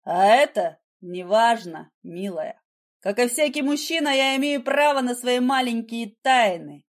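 A woman's voice: on the high side, animated, measured pace. A woman voicing a menacing, mocking husband in an audiobook, with a smug, taunting manner. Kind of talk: audiobook character voice.

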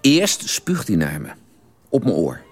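A man in a radio drama telling a long, detailed story at the dinner table in a measured, drily precise way. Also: on the low side, wildly swooping pitch, slightly rough, heavily acted. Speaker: character telling an anecdote at a family dinner.

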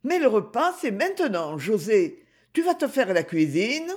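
A man's voice: high voice, big pitch swings, a little slow, voice pushed up. A man voicing a caring older woman friend who checks in with insistent, coaxing questions, in a storybook reading. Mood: concerned.

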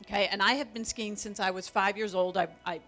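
A middle-aged woman telling a long story about her daughter in a lively, animated way, acting out quotes. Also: brisk, faint music behind. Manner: animated, acts out quotes with big pitch jumps. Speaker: co-speaker, mother of the other speaker. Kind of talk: storytelling talk.

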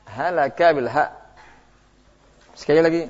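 This man's voice sits a bit high, moves a little slowly, and has a darkish tone. He teaches Quranic recitation rules in a tajwid lesson, answering questions and correcting listeners by modeling sounds and repeating them. The recording is a muffled, lo-fi lecture tape from the 2000s.

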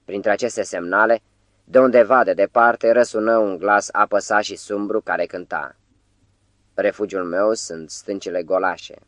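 Low-voiced man narrating an audiobook. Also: a bit bright, dry recording.

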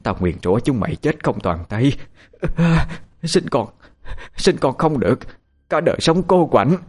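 A man's voice: very animated, brisk. A man voicing a vicious old witch stepmother who snarls and curses shrilly. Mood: cursing. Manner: shrill, spiteful cursing.

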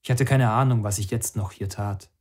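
A man reading a first-person novel aloud, calm in the narration and lifting his voice for the quoted lines. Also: on the low side, fairly quick. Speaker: audiobook narrator.

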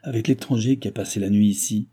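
A man's voice: lowish voice, quick pace, warm tone, slightly rough. A man voicing a jealous, pert young chambermaid who answers back insolently in an audiobook reading. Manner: insolent, needling. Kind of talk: audiobook character voice.

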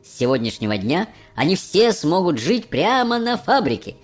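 A man voicing a brisk, cheerful, eccentric chocolate factory owner in an audiobook. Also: high-pitched, sing-song, soft background music, voice pushed up. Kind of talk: audiobook character voice.

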